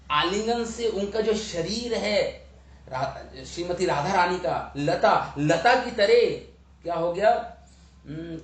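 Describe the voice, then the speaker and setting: Slow-spoken man teaching scripture. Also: fairly high pitch. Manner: slow, explains verses word by word, chants Sanskrit lines. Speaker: spiritual teacher. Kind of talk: devotional scripture lecture. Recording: echoey room from far off, faint ambience.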